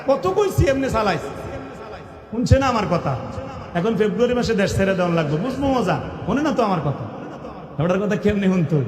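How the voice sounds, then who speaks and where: High-pitched preacher man in echoey hall. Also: sing-song, brisk. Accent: Bangladeshi Bengali. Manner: mocking, mimics the people he scolds, shouts for emphasis. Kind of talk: fiery sermon. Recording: echoey hall with long reverb.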